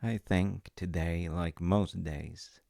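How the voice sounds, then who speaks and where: Taking on a dad's role in audio roleplay, a storyteller with a gravelly, very deep voice gently and slowly tells a reassuring tale sprinkled with self-deprecating remarks. His intonation is fairly even, and the close, dry recording has no echo.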